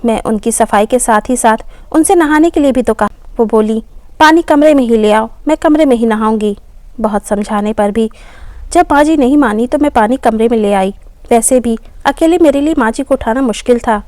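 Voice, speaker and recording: A woman's voice: on the high side, moderate pace, a little mellow, dry recording, lightly acted. A woman voicing a tired housemaid who complains about her hard work. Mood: weary, complaining. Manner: complaining, weary. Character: worn-out housemaid, tearful and complaining.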